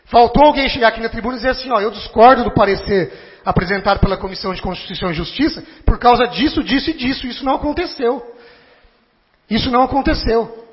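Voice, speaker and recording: A man with a Brazilian Portuguese accent, speaking as a city councilman in a formal debate, halting and argumentative, often repeating words. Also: very high voice. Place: council chamber. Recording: dull lo-fi recording with long chamber reverb.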